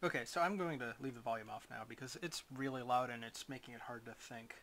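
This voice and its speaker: A man reviews gadgets in a casual, unscripted way, rambling hesitantly with frequent pauses. His voice is mid-range, and the background is noisy.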